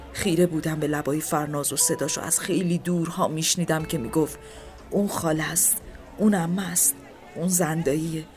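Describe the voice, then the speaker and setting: A woman telling a first-person story in a subdued, grieving manner, at times dropping to a whisper. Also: fairly low pitch. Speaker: narrator. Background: soft background music.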